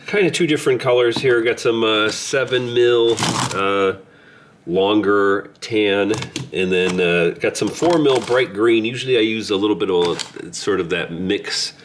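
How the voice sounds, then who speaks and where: A man from Southern California, voice congested from the flu, rambles with lots of fillers while working on his model railroad layout at home for a casual hobby vlog. His pitch is fairly low, with slight background noise.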